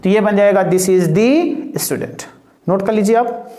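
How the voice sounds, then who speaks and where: A male English teacher giving an online grammar lesson. He poses questions to his students and answers them himself, slows down to dictate example sentences, and calls his listeners dear and brother. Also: high voice, dark tone. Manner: slow and deliberate when dictating example sentences. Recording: echoey room.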